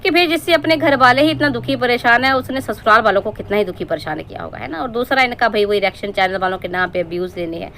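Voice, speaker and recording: Scolding, sarcastic woman, higher voice. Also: fast, hardly any pauses, fairly bright tone, slight background noise. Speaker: YouTube reaction commentator. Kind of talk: roasting commentary monologue.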